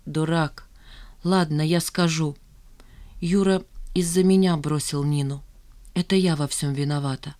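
A distraught young woman , as an audiobook reader puts her on, speaks in pleading, exclamatory bursts. She sounds worn out and desperate, and the pitch stays in a middle range. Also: fairly even intonation, measured pace, a little mellow, no echo, lightly acted. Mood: weary. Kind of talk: audiobook character voice.

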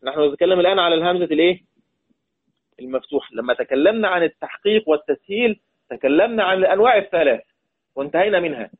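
Egyptian male Quran teacher, higher voice, thin phone-like audio, repeats and quizzes the class. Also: expressive, very fast. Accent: Egyptian Arabic. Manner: repeats points, quizzes listeners, draws out recited words. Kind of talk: classroom lesson. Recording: tinny phone-like sound.

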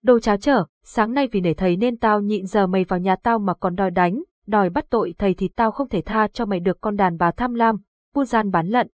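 A woman's voice: mid-range voice, fairly quick, a little mellow, no echo, lightly acted. Woman doing a fierce, hot-tempered fat woman. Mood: furious. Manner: scolding through gritted teeth.

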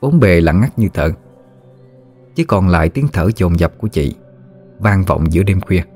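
Low-voiced man narrating a horror tale. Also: animated, normal speed, darkish tone, slightly rough. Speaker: storyteller. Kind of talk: scripted horror story narration. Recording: dry studio voice-over with faint music.

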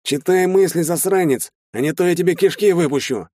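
A man voicing a brash, crude male soldier who mocks and bullies others, in a higher, louder voice than his own. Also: expressive, unhurried, no echo, clean studio sound. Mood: threatening. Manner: coarse shouting.

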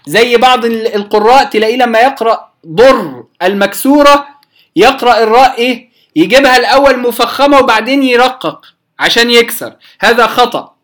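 A man speaking with an Egyptian Arabic accent teaches Quran recitation rules in a recorded tajweed lesson. He works through questions he answers himself and draws out the example words. His very high voice is a bit bright, and his pace is brisk.

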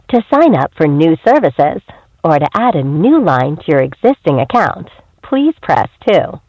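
A woman's recorded phone menu message, reading automated prompts in a measured, even way. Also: deep voice, no echo. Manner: measured, evenly paced prompts. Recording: dull lo-fi phone line.

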